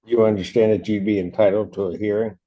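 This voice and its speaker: Low blunt judge in a muffled courtroom recording. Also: male voice, steady tone, fast talker, mellow. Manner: blunt, clipped questioning. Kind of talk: courtroom proceedings.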